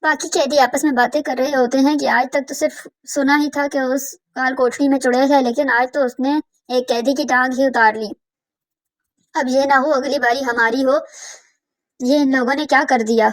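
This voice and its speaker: A woman narrating a scripted cartoon horror story in a plain, steady telling. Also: high-pitched.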